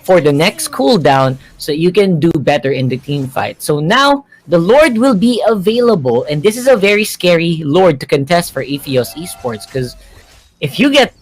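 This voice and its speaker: A man's voice: fairly high pitch, rough recording. A man giving live color commentary on an esports match, casually explaining team strategy. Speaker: esports analyst co-caster.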